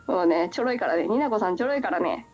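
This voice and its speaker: Giggly woman host, playful and lively. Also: fairly high pitch, highs cut off. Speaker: podcast host. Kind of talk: casual chat.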